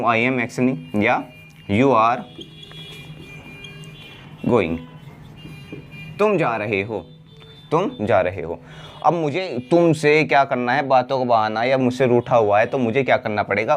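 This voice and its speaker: A man's voice: mid-range voice, soft background music. Male teacher giving a patient spoken English lesson, repeating each example and asking rhetorical questions. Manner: explains slowly, repeats phrases, asks himself rhetorical questions. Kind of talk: classroom-style spoken lesson.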